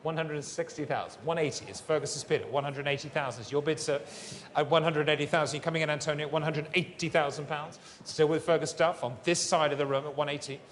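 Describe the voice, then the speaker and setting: A man's voice: a little high, fairly even intonation, quick pace, few pauses, fairly bright tone. A man working as a fine art auctioneer, calling and repeating bids in polished, courteous patter in a large saleroom. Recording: long reverberant hall sound.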